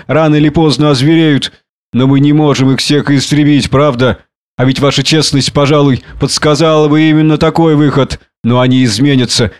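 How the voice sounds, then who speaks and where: A man's voice: fairly high pitch, clean tone, voice pushed up, lightly acted. A man voicing a raving drunken exile. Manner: ranting, shouting, self-pitying. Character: drunken bitter ranting male exile doctor. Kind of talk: audiobook reading.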